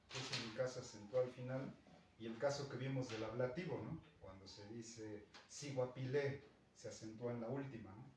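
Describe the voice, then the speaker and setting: A man's voice: medium pitch, a little mellow. Mexican man teaching in an echoey classroom. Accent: Mexican Spanish. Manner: patient, checks in with "¿no?" and "¿sí?". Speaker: Nahuatl language teacher. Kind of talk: classroom explanation. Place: school classroom. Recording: echoey classroom, distant mic, faint noise.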